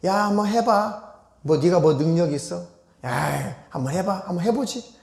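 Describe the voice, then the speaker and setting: A man's voice: high-pitched, expressive, normal speed, gravelly. A male pastor voicing a mocking evil spirit that taunts an exorcist, in an echoey church. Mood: taunting. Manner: sneering, taunting. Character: taunting mocking demon, later begging.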